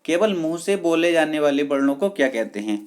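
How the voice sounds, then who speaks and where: In a mid-range, lively, slightly mellow voice, a patient teacher runs an online exam-prep lesson. She drills terms slowly, repeats key words, and checks understanding with "clear?", treating viewers like friends.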